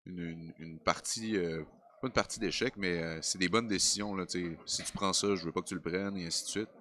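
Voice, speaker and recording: A man's voice: low voice, fairly even intonation, brisk, bright, forceful tone, a little hiss or hum. A man with a Quebec French accent giving analytical live grappling commentary in a colloquial, explanatory way. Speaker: combat sports commentator.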